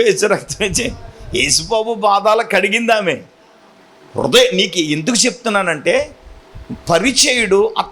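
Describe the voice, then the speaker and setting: A male pastor preaching a sermon, telling the story with acted-out dialogue and calling on the congregation to answer back loudly. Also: sits high. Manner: call-and-response, urging the congregation to answer loudly.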